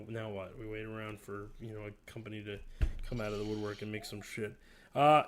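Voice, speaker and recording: A man's voice: mid-range voice, slight background noise. Profane, exasperated male games host. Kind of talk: casual games showcase commentary.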